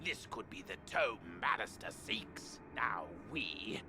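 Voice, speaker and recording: Deep, menacing game villain. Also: male voice, animated. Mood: imperious. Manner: slow, imperious, theatrical. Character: menacing gloating male villain, commanding his minions. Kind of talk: fantasy game character dialogue. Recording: game audio under loud music.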